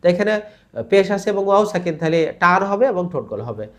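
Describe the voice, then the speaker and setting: A man teaching Quran recitation rules, who sounds out syllables slowly and drawn out, explains quickly in between, and asks learners to repeat after him. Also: high voice, very animated. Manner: drills syllables slowly and stretched, then explains in quick bursts. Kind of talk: tajweed lesson.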